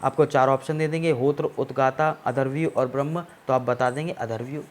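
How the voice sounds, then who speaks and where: A male teacher works through an exam-prep history lecture at a steady, explanatory pace. He keeps stopping to check that his students follow, and he drops English terms into his Hindi as he goes. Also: medium pitch, a little fast. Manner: explanatory, repeats "ठीक है ना" to check understanding; mixes English words into Hindi.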